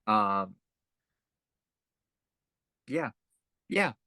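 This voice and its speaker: Bright-voiced young male musician, very low. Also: big pitch swings, extremely slow, gravelly, clear, resonant tone, dry recording. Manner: rambling, many fillers and restarts. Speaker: band musician, interview guest. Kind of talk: casual interview chat.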